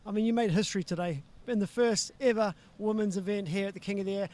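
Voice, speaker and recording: A man's voice: sits high, fairly even intonation, quick pace, darkish tone. A man co-hosting a live outdoor event at night, talking enthusiastically with emphatic repetitions. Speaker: event co-host. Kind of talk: live event commentary and interview.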